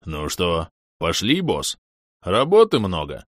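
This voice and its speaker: A man voicing a burly, easygoing male half-orc warrior with a gruff, coaxing manner. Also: low voice, huge pitch swings, takes it slowly, no echo, studio quality, heavily acted.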